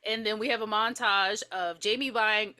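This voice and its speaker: A woman co-hosting a movie podcast, excitable and profane, jumping in over the others. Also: mid-range voice, moderate pace. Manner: excited and interrupting, often laughing. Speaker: podcast co-host. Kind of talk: casual chat, profane and joking.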